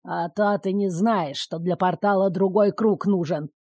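A woman's voice: on the low side, steady tone, measured pace, darkish tone, dry recording, studio quality. A woman reading an audiobook, voicing a grumpy old male sorcerer who snaps back while grumbling. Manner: snappish, grumbling.

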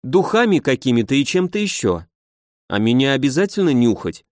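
A man reading an audiobook voices a timid young woman who speaks slowly and thoughtfully. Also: mid-range voice, sing-song, darkish tone, dry recording, studio quality, close to an everyday voice. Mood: musing. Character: timid, wide-eyed young woman with keen sense of smell.

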